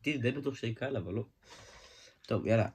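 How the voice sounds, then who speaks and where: A man giving a casual hands-on toy review, excitable, exclaiming often and restarting his sentences. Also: mid-range voice, slightly rough. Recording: noisy home recording with clicks.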